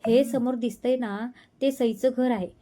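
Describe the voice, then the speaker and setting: A man's voice: very high voice, fairly even intonation, normal speed, over music. A woman voicing a playful, daring young man who teases and coaxes his fiancée in a spoken love story. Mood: coaxing. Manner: teasing, coaxing.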